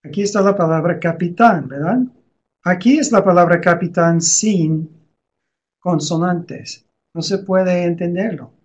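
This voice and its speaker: A man explaining how to teach reading, in a measured way with deliberate pauses. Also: sits high, a little mellow, muffled recording.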